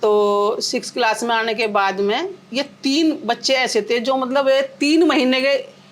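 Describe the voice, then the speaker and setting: A woman's voice: on the high side, measured pace. A middle-aged woman, a singer's mother, telling family stories in a podcast interview with vivid, emotional retelling.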